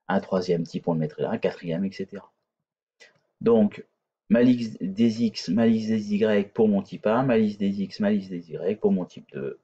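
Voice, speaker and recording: A low-voiced man talks through a coding lesson over his screen, hesitating often and restarting his sentences. His voice is dark and a little husky. The recording is dull and lo-fi. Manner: hesitant, many fillers and restarts. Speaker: teacher.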